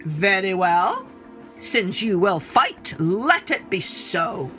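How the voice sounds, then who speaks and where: A woman's voice: mid-range voice, sing-song, takes it slowly, bright, forceful tone, faint music behind, full character voice. A woman playing a pompous blustering lion. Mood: scornful. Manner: roaring, pompous. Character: proud blustering male lion, king of the forest. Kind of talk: storybook reading.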